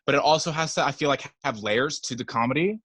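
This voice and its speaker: A man's voice: fairly high pitch, quick pace, a bit bright, husky, no echo. A young man talking about films in a casual podcast chat, enthusiastic and rambling with many fillers. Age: young adult. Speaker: podcast guest.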